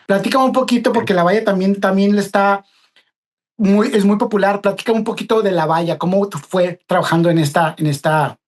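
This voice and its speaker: Chatty Mexican interviewer, casual questions. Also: male voice, sits high, a little fast. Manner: chatty, warm slang, repeats words as he asks. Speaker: interviewer, host.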